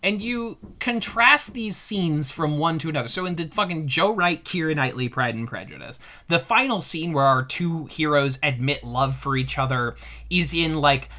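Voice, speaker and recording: A man co-hosting a casual film podcast, with a bright, sharp voice. He talks in an animated, jokey way and swears freely. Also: medium pitch. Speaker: podcast co-host.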